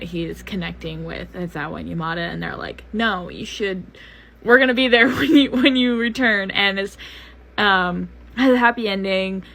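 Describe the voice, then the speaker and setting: Young woman rambling about fics she loves, lots of ums and likes, mid pitch, bit of background hiss. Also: a bit bright. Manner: rambling, lots of "um" and "like", laughs often. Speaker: fanfiction recommender. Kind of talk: casual chat.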